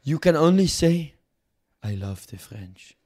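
A man's voice: a little high, sing-song, slow, darkish tone, voice pushed up, heavily acted. A man voicing a pompous French male investor in a comic podcast role-play, with a put-on French accent and a bossy, haggling manner.

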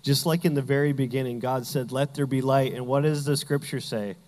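A man's voice: mid-range voice, steady tone, brisk, darkish tone, in a large hall. A man preaching a sermon as pastor, telling Bible stories with humor and acting out the characters.

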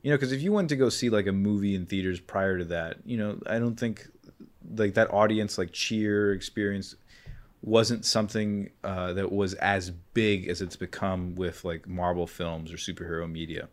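A young man with a very deep, low voice talks through a casual podcast conversation. He rambles, leans on fillers, and drops profane jokes. The talk sounds loose and unscripted. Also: fairly even intonation, moderate pace. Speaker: podcast host. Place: indoor room, in person.

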